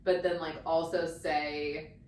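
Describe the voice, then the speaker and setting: A woman with a low voice chats casually, rambling and circling back with fillers. She sounds a little far from the mic. The room is echoey, with a faint hiss underneath. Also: little pitch movement, slow, a little mellow. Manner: rambling, many fillers and restarts. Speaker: podcast co-host. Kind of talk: casual chat.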